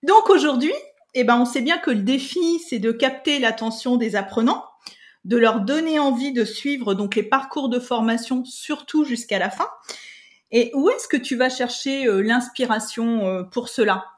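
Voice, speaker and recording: A woman's voice: on the high side, moderate pace. A woman hosting a podcast interview, friendly, with filler hesitations when she asks questions. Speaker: podcast host.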